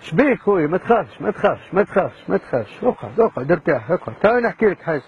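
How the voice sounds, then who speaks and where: High, fast-talking man pranking. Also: very animated, phone-quality sound, slight background noise. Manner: coaxing, bossy, mock-menacing. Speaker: prank show host. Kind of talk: hidden-camera prank banter.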